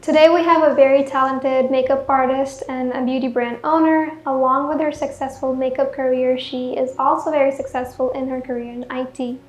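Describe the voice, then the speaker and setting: High-voiced woman hosting a podcast. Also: fairly even intonation, fairly quick, few pauses, roomy sound, soft background music. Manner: upbeat and welcoming, code-switches to Urdu. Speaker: podcast host. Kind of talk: podcast interview.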